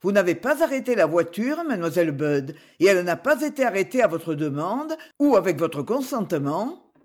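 A woman playing a measured, formal old lawyer. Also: on the low side, very animated. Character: fussy, fair-minded older male lawyer. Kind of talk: audiobook character reading.

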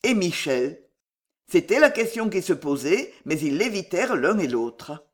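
A reader narrating a classic novel in an expressive audiobook style. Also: mid-range voice, unhurried. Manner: expressive reading.

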